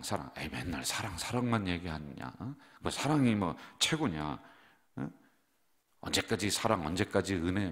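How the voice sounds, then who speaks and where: A man's voice: sits low, a bit bright. A man preaching an early morning prayer sermon as pastor, talking casually and asking the congregation questions. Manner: conversational, asks the congregation questions; acts out parents' scolding lines. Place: church.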